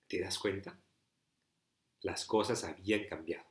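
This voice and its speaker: A man's voice: deep voice, steady tone, a little slow, reverberant, slight background noise. A man preaching a sermon, emphatic and pleading, full of rhetorical questions to the listener.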